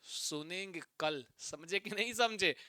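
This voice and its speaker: A man teaching a Sanskrit exam-prep lesson. He chants the sutras slowly in a sing-song and teases his students into reciting along. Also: high-pitched, pushed and bright, clear, resonant tone, no echo, studio quality.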